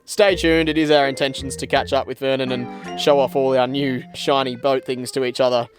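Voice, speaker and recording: A man's voice: medium pitch, flat delivery, normal speed, over music. A man co-hosting a sailing vlog, chatting casually in a joking, self-mocking way. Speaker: vlog co-host, boat owner. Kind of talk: casual chat.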